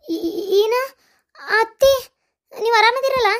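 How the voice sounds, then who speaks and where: A woman's voice: very high voice, slow, fairly bright tone, exaggerated voice. A woman voicing a timid young daughter-in-law who asks hesitant questions, with a North Karnataka accent. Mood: surprised. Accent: North Karnataka Kannada.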